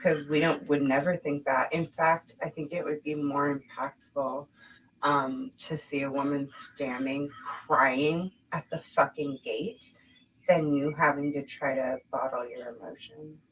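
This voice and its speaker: A woman's voice: low voice, steady tone, unhurried, a bit bright, slight background noise, poor audio. A woman hosting a podcast, talking bluntly in a casual chat, swearing freely and laughing often. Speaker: podcast host.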